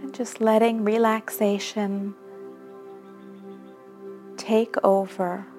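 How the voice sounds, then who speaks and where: A woman narrating a guided meditation in a soft, soothing manner with long pauses between phrases. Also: mid-range voice, little pitch movement. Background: background music.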